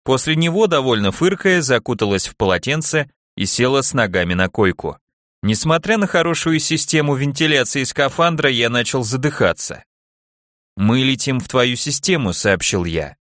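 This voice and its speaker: A man narrating an audiobook in the first person, in an even, measured storytelling manner. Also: mid-range voice, no echo. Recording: dry, close recording.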